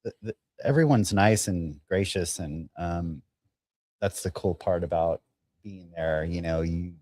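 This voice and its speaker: A man interviewed as a guest, shy and halting, with many fillers and restarts. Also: deep voice, darkish tone, no room sound, clean studio sound. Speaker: guest volunteer. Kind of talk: casual chat.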